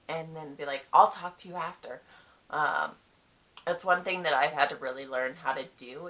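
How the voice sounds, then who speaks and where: A woman's voice: low-pitched, vocal fry, sharp tone, low-quality recording. A young woman talking casually to camera, giving frank advice on competing, with many ums. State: chewing a cough drop. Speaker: bikini fitness competitor.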